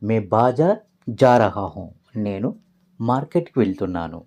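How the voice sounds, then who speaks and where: A man's voice: on the low side, big pitch swings, unhurried, darkish tone. A man teaching as a language tutor, patiently explaining phrases word by word and repeating each one.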